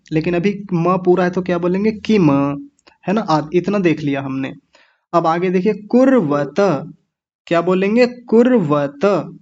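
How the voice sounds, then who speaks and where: A man teaching children how to pronounce Sanskrit words, patiently breaking each one into syllables and saying them very slowly. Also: sits high, a little mellow, lo-fi sound. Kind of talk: online lesson for children.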